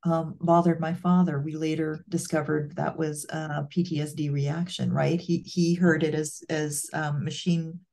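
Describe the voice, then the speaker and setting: A woman's voice: deep voice, flat delivery, unhurried, vocal fry, few pauses, warm tone. A woman co-hosting a casual heart-to-heart conversation, speaking earnestly and reflectively. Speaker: co-host.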